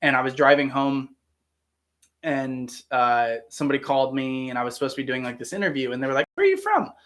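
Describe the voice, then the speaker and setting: A man with a mid-range, slightly bright voice talks fast in a level tone. He's an actor from Ohio, United States, with a standard American accent, hosting a live Q&A and chatting casually and enthusiastically on the livestream, full of fillers and restarts.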